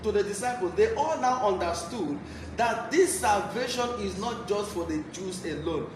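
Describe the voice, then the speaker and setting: A man with a Nigerian accent preaches a Bible teaching sermon in a high-pitched, expressive voice at a moderate pace. He is emphatic and keeps repeating key phrases. The room is echoey, and background noise is clearly audible.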